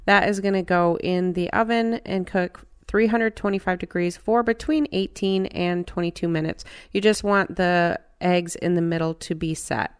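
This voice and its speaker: A middle-aged woman narrating her home cooking step by step in a relaxed, chatty way. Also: on the low side, normal speed, hardly any pauses, clear, resonant tone. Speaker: cooking channel host.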